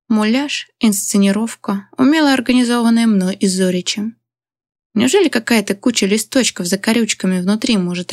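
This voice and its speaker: A woman's voice: medium pitch, dry recording, close to an everyday voice. Lady reading a possessive ex-husband, intimate and reproachful, middle voice, dry close sound. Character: man, estranged husband, passionate and possessive.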